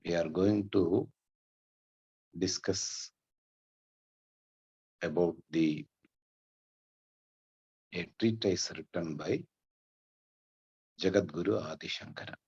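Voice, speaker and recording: A man, giving an online Vedanta lesson in a measured explanatory way, with chanted Sanskrit prayers. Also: low voice, darkish tone, slightly rough, highs cut off. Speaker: Vedanta teacher. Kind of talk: online class lecture.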